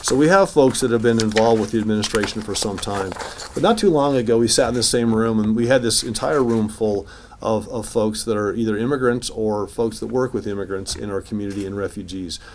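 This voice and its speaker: A man's voice: fairly low pitch, brisk, slight background noise. A man speaking as mayor at a news conference, talking informally with restarts and fillers. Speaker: city mayor at a press conference. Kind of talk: press conference remarks and answers. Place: city hall news conference room.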